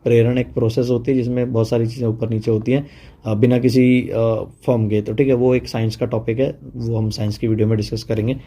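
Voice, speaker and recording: A man's voice: medium pitch, flat delivery, brisk, dark tone. A man giving a casual online vocabulary lesson, chatty and full of fillers, checking in often with his listeners. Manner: chatty, mixes Hindi and English, says "ठीक है" often. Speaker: teacher.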